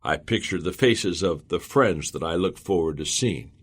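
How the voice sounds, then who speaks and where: A man reading a motivational audiobook in the first person, earnest and measured. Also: sits low, lively intonation, a bit bright, husky. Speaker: audiobook narrator. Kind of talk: scripted audiobook narration.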